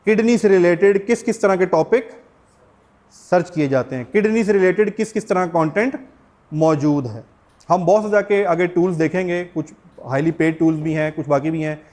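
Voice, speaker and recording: High-voiced Pakistani man teaching a class. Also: a little mellow. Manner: explains step by step, asks the class questions. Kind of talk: classroom lecture.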